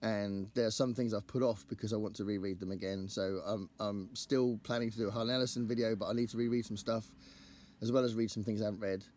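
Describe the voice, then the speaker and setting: Croaky after singing at a gig the previous night, a man rambles and thinks aloud while talking casually to camera on his own book channel. His lowish, darkish voice moves fast with fairly even intonation.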